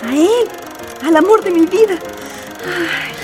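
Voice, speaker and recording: Over music, a woman speaks slowly in a very high-pitched voice, acting an earnest, lovestruck young woman in an amateur radio play. She has a Chilean accent and a dreamy, girlish manner.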